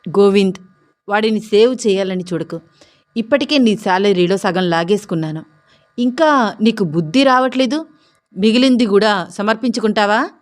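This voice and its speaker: A woman's voice: mid-range voice, moderate pace, lightly acted. Woman doing a bullying drunk head constable. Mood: mocking. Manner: bullying, mocking, shouting. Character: rude drunk corrupt male head constable.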